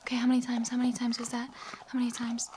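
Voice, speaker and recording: A woman in her twenties performs a whispered role-play as fast ASMR, speaking right up to the listener. Her whisper is brisk and repetitive, cycling through short trigger words with little melodic movement. The close recording carries clear hiss and small clicking sounds. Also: a little high, completely flat delivery. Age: 20s. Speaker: ASMR creator. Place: small indoor room.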